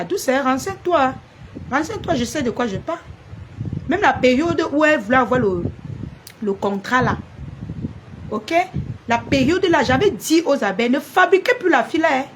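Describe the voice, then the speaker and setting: Woman blogger going off on a live stream, scolding and repeating herself, kinda high voice, noisy background. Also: very animated, fairly quick. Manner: confrontational, repetitive, scolding. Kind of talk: live-stream rant to viewers.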